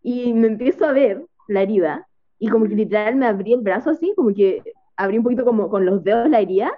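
A woman's voice: fairly high pitch, fast. A young woman with a Chilean accent telling a story in casual chat, rambling and full of fillers. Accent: Chilean Spanish. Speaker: storyteller guest. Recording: dull lo-fi dry sound.

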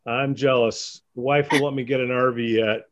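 A man's voice: medium pitch, steady tone, normal speed, dry recording, lo-fi sound. A man from New York hosting a casual interview chat, cracking jokes as he asks his questions. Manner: joking, wisecracking. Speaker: show host.

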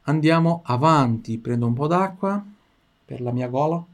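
A Portuguese-speaking man teaching an Italian lesson, stretching words out slowly for pronunciation and then chatting quickly in between. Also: on the high side, expressive. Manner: slow, drawn-out pronunciation drills between quick asides. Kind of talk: language lesson.

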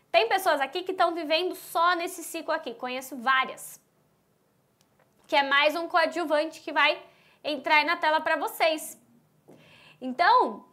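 A woman leads an online mini course with a high, bright voice. She talks straight to her audience in an animated, teasing way. She often slips into the voices of the people she describes. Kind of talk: lively live-class teaching.

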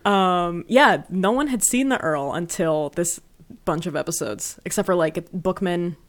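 A woman's voice: lowish voice, unhurried. A woman co-hosting a podcast, chatting casually and giggling often. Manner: giggly, chatty, many fillers. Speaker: podcast co-host. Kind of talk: casual chat about an anime.

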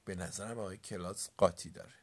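Lively male storybook narrator. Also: deep voice, vocal fry. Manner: animated, raises his voice for shouts in the story. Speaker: audiobook narrator.

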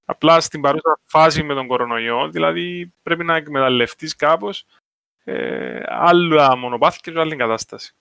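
Male, Cypriot Greek accent, bright forward voice, casual discussion, dry close sound. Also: a little high, gravelly, clear, resonant tone, dry recording. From Cyprus.

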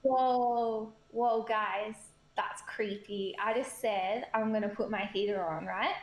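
A woman co-hosting a podcast in casual chat, excitable and quick to giggle. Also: mid-range voice, highs cut off. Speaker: podcast co-host. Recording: echoey room.

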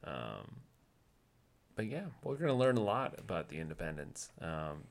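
A man co-hosting a casual sports podcast, laid-back and joking, often pausing with ums. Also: a bass voice, very animated, gravelly. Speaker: podcast co-host.

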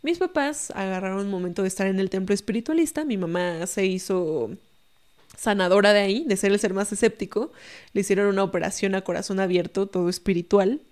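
A young woman with a Mexican accent, a podcast guest, tells a story in relaxed, casual conversation at a slightly fast pace and medium pitch. She keeps it animated, often ends lines with a questioning "¿no?", and acts out the people she quotes.

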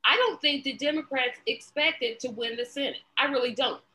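A woman hosting a casual political talk show, talking in an animated way, often restarting her sentences and adding sarcastic asides. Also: high-pitched, normal speed, rough recording. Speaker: podcast host.

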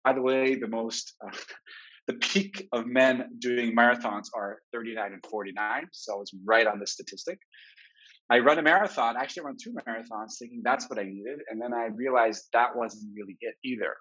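A man in his forties from Israel, a therapist giving a webinar talk, telling his own story in a candid, reflective way, heard through low quality webinar stream audio. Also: normal speed, fairly bright tone, a little hiss or hum. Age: 40s. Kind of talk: personal storytelling lecture. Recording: dull lo-fi webinar recording.

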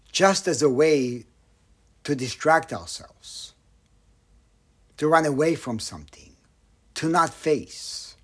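A man giving a Buddhist dharma talk, slow and reflective, with pauses and some phrases dropped almost to a whisper. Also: medium pitch, breathy edge. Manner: slow, pausing, with soft near-whispered phrases. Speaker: meditation teacher.

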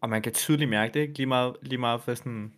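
Casual podcast man reading lore. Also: mid-range voice. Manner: reads quotes flatly, chats with fillers and swearing. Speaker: podcast co-host reading game lore aloud.

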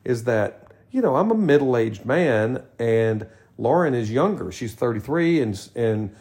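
Man in his fifties, casual podcast co-host, mid-pitched voice, loose rambling delivery. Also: very animated, measured pace, a little mellow. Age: 50s. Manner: rambling, restarts sentences often. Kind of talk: casual chat.

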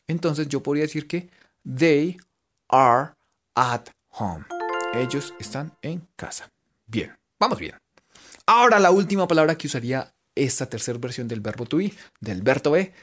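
A man's voice: on the high side, lively intonation, moderate pace. A man with a Colombian accent teaches English over local radio in a playful, chatty way. He spells out words letter by letter and keeps checking in with his listeners.

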